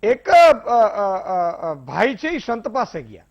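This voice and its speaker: Male TV debate anchor, Gujarati accent, high voice, fiery and rhetorical, drops to a hush when telling a story. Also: sing-song, slow pace, muffled recording. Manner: impassioned, rhetorical, shifts from loud to hushed storytelling. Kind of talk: animated TV debate hosting with a folk story.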